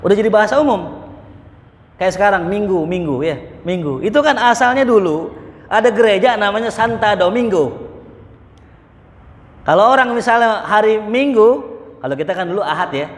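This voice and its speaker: A man's voice: high-pitched, lively intonation, moderate pace, long pauses. A man gives a mosque study lecture, joking and acting out market banter. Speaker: religious teacher. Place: mosque hall. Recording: echoey mosque hall.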